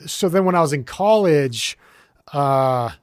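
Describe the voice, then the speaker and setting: A man's voice: on the high side, expressive, measured pace, clean tone, dry recording, studio quality. A man in his forties from the United States, a guest in a casual interview who rambles with many fillers and restarts. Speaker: guest, ultrarunner.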